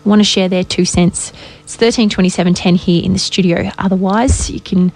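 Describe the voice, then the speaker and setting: A woman's voice: on the low side, steady tone, a little fast, darkish tone, poor audio. A woman with an Australian accent hosting a radio breakfast show, presenting news and chatty segments.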